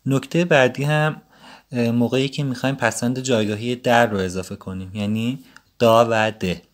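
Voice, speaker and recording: A man's voice: mid-range voice, fairly even intonation. Patient man teaching a language lesson. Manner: patient, explains step by step with fillers. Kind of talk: casual spoken lesson.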